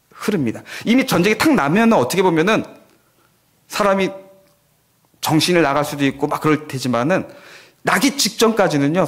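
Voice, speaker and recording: A man preaches in church, telling his story with energy and acting out the voices of the people he describes. His voice sits a little high and swings widely in pitch as he talks. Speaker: pastor. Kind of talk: sermon.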